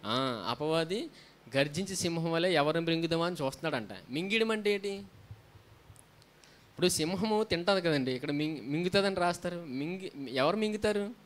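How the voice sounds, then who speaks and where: A man's voice: a little high, animated, a little fast. A man preaching a sermon as a pastor, often asking the congregation questions and answering them himself, with frequent hallelujahs. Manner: frequent hallelujahs between points.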